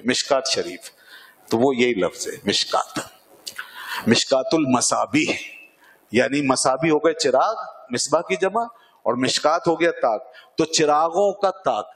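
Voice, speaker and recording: A man delivers a religious lecture in a measured, explanatory way, slowing down whenever he recites the Arabic verse. His voice sits in a middle pitch. The sound carries the long reverb of a large hall. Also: a bit bright. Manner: explanatory, asks and answers own questions. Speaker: Islamic scholar.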